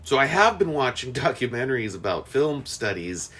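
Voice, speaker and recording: Lively rambling male podcast host. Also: moderate pace. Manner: rambling, many fillers and restarts, lively pitch. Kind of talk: casual chat.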